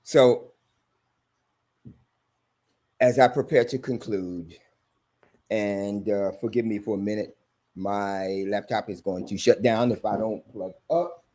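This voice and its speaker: A man's voice: lowish voice, steady tone, unhurried, warm tone. A man hosting a sermon-style commentary, talking in an emphatic, repetitive preaching cadence. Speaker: host.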